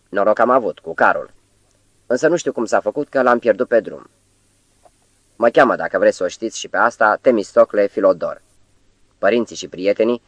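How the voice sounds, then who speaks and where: A man voicing a chatty, down-and-out former diplomat with a thin, squeaky voice and an eager, wheedling manner. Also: dry recording, lightly acted. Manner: eager, wheedling, long-winded.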